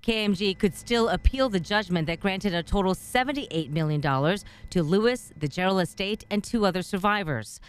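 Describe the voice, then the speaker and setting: A woman reporting a news story, then chatting with anchors in a TV studio, with a steady, earnest delivery. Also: mid-range voice, moderate pace, hardly any pauses, smooth.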